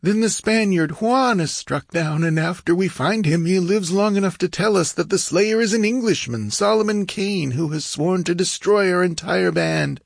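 A man's voice: sits high, normal speed, gravelly, few pauses, no echo, studio quality, pitched above the performer's own voice. A man doing a frightened superstitious bandit. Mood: fearful. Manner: gloomy, fearful.

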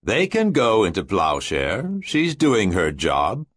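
A man voicing a tired, weary man who answers tersely and low-key. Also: wildly swooping pitch, takes it slowly, fairly bright tone, breathy edge, dry recording, clean studio sound, heavily acted.

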